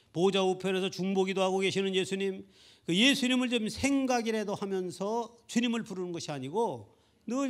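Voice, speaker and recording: A middle-aged male pastor preaching a sermon at a Sunday church service, telling a personal story earnestly and building to loud, fervent peaks. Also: high-pitched.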